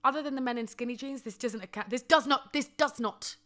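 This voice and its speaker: Slightly high, slightly quick, and fairly bright, this woman in her twenties is the lone host of a casual podcast. She goes off on funny rants, emphatic and sassy, and repeats phrases to get a laugh.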